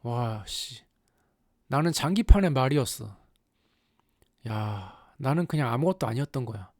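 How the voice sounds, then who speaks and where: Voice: mid-range voice, lively intonation, fairly quick, a little mellow, dry recording, clean studio sound, natural voice. A commentator voicing an earnest young male mecha pilot who blurts out his thoughts in an exclamatory inner monologue. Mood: bitter.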